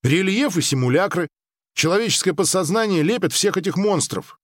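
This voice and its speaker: A man's voice: high-pitched, expressive, fairly quick, no echo, studio quality, voice pushed up. A man voicing a young, inexperienced dream-walker who talks defensively and a bit flustered. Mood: heated.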